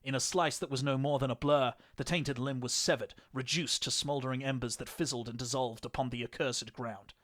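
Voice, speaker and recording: A man's voice: mid-range voice, fairly even intonation, a little fast, hardly any pauses, a bit bright, no echo, clean studio sound. Man narrating a grandiose fan story. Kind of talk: fan fiction audiobook reading.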